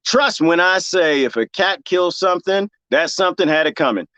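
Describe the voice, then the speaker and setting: A man whose voice sits high speaks with a Texas accent at a moderate pace, reading viewer comments during a gardening livestream as he plants cuttings. Lively and playful, he laughs often and talks directly to his chat. No room sound comes through.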